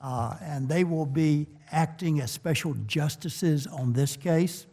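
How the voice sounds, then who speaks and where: A man's voice: fairly high pitch, slow, mellow. An older man makes formal remarks as a presiding judge in a courtroom. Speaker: chief justice presiding in court.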